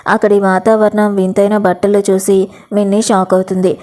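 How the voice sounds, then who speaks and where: A woman narrating a dramatic story, reading out every character's lines in one even storytelling voice. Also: medium pitch, normal speed.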